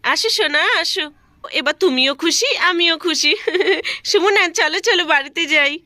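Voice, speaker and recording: A woman's voice: very high voice, normal speed, bright, forceful tone, no echo, studio quality. A woman voicing an anxious young mother in a cartoon who coaxes and pleads. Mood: coaxing worried. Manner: coaxing, pleading. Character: young mother Rupa, anxious for her son.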